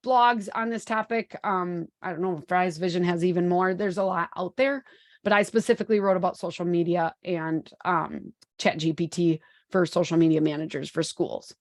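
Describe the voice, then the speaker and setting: A woman's voice: lowish voice, steady tone, moderate pace, dry recording, studio quality. A woman in her forties presenting a live webinar in an upbeat, chatty way, with plenty of ums, speaking into a computer microphone. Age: 40s. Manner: upbeat, chatty, many fillers.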